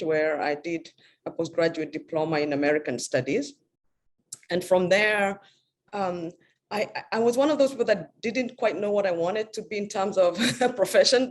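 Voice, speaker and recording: A woman's voice: lowish voice, a little hiss or hum. A middle-aged woman from Kenya, a podcast guest, telling her life story casually with frequent laughs and word repeats. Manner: warm storytelling, laughs often, repeats words when starting sentences. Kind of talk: casual interview chat.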